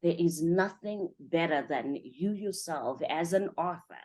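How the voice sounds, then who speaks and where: A woman's voice: fairly low pitch, unhurried, a little mellow. A woman hosting a podcast interview, talking in an effusive, chatty way with many 'you know' fillers. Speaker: podcast host. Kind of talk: interview conversation.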